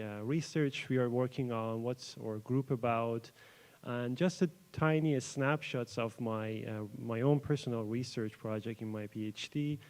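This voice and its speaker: A young Iranian doctoral researcher, a native Persian speaker, gives an informal academic talk to a live audience in an event room, using a microphone adjusted at the podium. His medium-pitched, darkish voice is hesitant, with frequent pauses, fillers and restarts.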